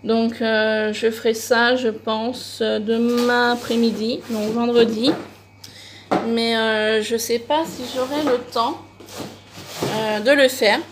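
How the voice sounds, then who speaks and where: A woman's voice: a little high, little pitch movement, slow pace, background noise. A woman chatting casually in a shopping haul video for her crafting channel, with frequent hesitations and fillers. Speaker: crafting vlogger.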